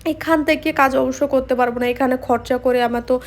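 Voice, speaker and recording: A young woman, a makeup artist, chatting casually while doing her makeup, talking fast with many pauses and fillers. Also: sits high, steady tone, faint music behind. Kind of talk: casual talk during a makeup tutorial. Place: home room with an open window. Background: street noise through the window.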